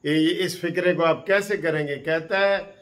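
A man's voice: fairly high pitch, moderate pace, fairly bright tone. A man from Pakistan hosting heated political commentary, impassioned and accusing, repeating key phrases for emphasis.

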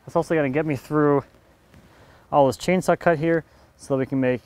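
Speaking a bit fast in a smooth, slightly mellow voice on the high side with fairly even intonation, a woodworker in his thirties explains his job. He saws a log outdoors in his sawmill's yard, casually thinking aloud with the odd chuckle.

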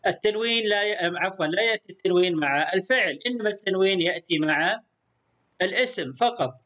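Man, primary school teacher, recorded lesson, high voice, patient, slow repetition, frequent praise. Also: sharp tone. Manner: patient, repeats words slowly and praises pupils often.

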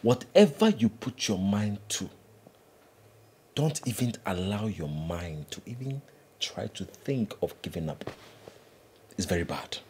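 An exuberant, optimistic aspiring film star with a Nigerian accent. His delivery is slow and preachy, full of repetition. The pitch swings very widely, as in heightened screen drama. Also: sing-song, a little mellow, a little hiss or hum. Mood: earnest. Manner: preachy, emphatic, repeats himself. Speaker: actor in a film. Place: furnished living room and bedroom indoors.

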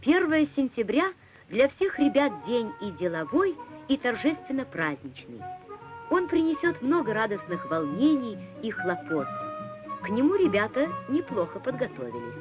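Give me a woman reading an old newsreel in a solemn, declamatory way. Her voice sits fairly high and rises and falls widely. The sound is dull and lo-fi, with music clearly underneath. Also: very animated, normal speed. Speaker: newsreel narrator. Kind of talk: scripted newsreel narration.

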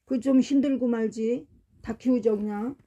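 A woman's voice: a little high, steady tone, moderate pace, mellow. A middle-aged woman preaching a sermon, speaking with emotion, telling family stories and asking the congregation rhetorical questions.

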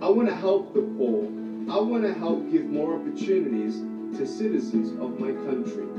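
A man's voice: a little high, lively intonation, moderate pace. A man from Australia giving an earnest, heartfelt motivational speech, heard from an online video played on a TV far from the mic. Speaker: motivational speaker. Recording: online video on TV, far, roomy, dull, with music.

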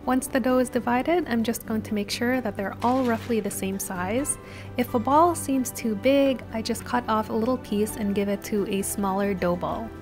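A woman host calmly narrating a baking recipe step by step as a voice-over. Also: on the high side, normal speed. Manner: steady step-by-step instructional delivery. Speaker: cooking channel host. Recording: voice-over with music behind.

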